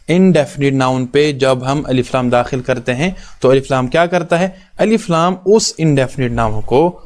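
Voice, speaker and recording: Man teaching Arabic grammar, repeats everything. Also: medium pitch. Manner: asks questions then answers them, repeats key terms; mixes in English grammar words. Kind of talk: recorded language lesson.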